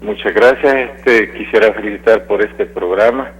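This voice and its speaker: Over a dull phone line heard on air, a man calls in to a radio show to give his opinion, speaking earnestly and hesitantly with fillers. His voice is fairly low and husky, and he talks at a moderate pace.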